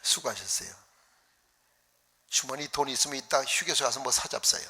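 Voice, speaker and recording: A man preaching a revival sermon, telling stories with lively acted-out voices and sudden whispers. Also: mid-range voice, moderate pace, long reverb tail, a little hiss or hum. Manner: animated storytelling, acting out voices, dropping to whispers. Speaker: pastor. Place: church hall.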